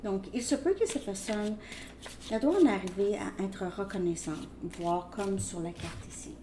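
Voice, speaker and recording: A woman with a Québécois French accent giving a tarot reading, talking slowly and hesitantly with many fillers and restarts. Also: medium pitch, mellow, a little hiss or hum. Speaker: tarot reader.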